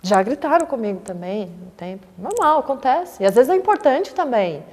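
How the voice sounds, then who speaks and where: A woman's voice: a little high, very animated, moderate pace, darkish tone, in a large hall. A woman, a Buddhist teacher giving a conversational dharma talk, often tagging her sentences with little questions to the listeners. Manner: conversational, frequent tag questions, acts out quoted voices.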